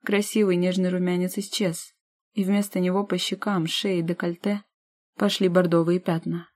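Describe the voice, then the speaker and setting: Woman audiobook narrator, first person, wry and expressive, lowish voice. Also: moderate pace.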